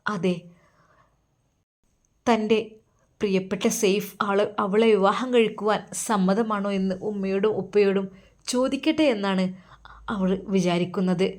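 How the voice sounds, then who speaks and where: A woman narrating an emotional religious story with measured, feeling delivery. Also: mid-range voice, a little mellow.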